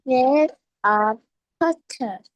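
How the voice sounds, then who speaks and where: A woman's voice: high-pitched, extremely slow. A woman learning English, echoing her tutor's words in short careful repetitions. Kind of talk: repeating after a tutor.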